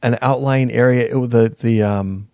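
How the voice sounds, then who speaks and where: A man in his fifties, a podcast guest, reflectively recounting his past in a casual interview, pausing and restarting sentences. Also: medium pitch, fairly even intonation, dark tone, no room sound, studio quality. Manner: reflective, unhurried, often pauses and restarts mid-sentence.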